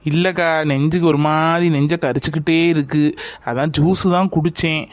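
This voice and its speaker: A man's voice: fairly high pitch, fairly even intonation, a little fast, no room sound, close to an everyday voice. A man voicing a grateful, emotional pregnant young woman in a family skit.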